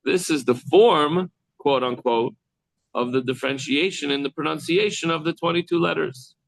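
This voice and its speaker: Acting as a rabbi, a man leads a text class, reading lines and explaining them slowly, stopping to demonstrate sounds and address students in the room. His voice is fairly high with vocal fry, and the recording is dry and of poor quality.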